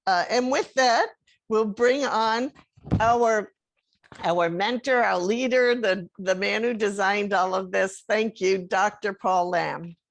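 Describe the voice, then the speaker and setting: A woman hosting an online workshop in an unhurried, friendly way, pausing now and then. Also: medium pitch. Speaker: workshop host. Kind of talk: casual event hosting.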